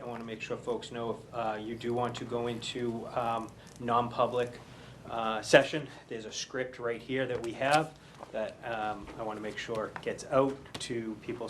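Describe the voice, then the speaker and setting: A man leads a committee meeting in a municipal room, taking the roll and moving through procedure. He speaks with frequent hesitations and fillers, easing the formality with small jokes. A light hiss of background noise sits under the voice. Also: fairly low pitch. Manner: hesitant, many fillers, joking asides. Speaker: committee clerk chairing the meeting.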